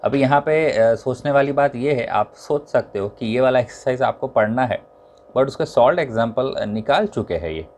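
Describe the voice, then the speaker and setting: A male teacher calmly going through which examples and exercises students should tick or cancel, mixing English terms into his Hindi. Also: medium pitch, moderate pace. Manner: methodical, lists items to tick or cancel. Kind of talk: exam syllabus walkthrough.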